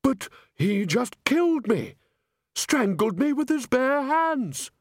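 A man voicing a fussy older man who has just become a ghost, in a high, startled and indignant voice. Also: very animated, slow pace, a little mellow, husky, no room sound, clean studio sound, full character voice.

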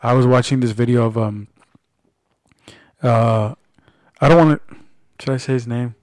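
A man's voice: mid-range voice, normal speed, darkish tone, dry recording. Guy co-hosting a faith chat, earnest n blunt, casual talk, very dry close sound. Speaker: podcast co-host. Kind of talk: casual religious discussion.

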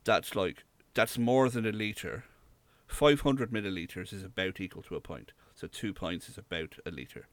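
Young man, very low voice, dry close mic, rambling podcast chat. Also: moderate pace, dry recording. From Southwest England. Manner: rambling, hesitant, explains at length. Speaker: podcast co-host. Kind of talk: casual chat.

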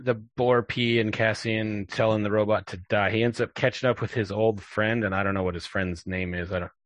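A man hosting a casual chat, recapping a TV episode in a relaxed, joking way with lots of filler words. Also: fairly low pitch, moderate pace, no echo, low-quality recording. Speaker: podcast host.

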